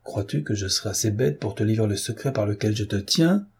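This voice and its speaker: A man's voice: on the low side, lively intonation, fairly quick, gravelly, darkish tone, breathy edge, heavily acted. A man voicing a sly, mocking male baron, a villain in an audiobook reading. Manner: taunting, sneering. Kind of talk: audiobook character voice.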